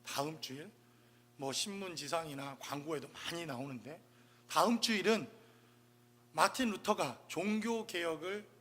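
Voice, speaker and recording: Guy pastor giving a sunday sermon, pretty high voice, bright and forceful, keeps asking the church stuff. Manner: preaching with rhetorical questions to the congregation.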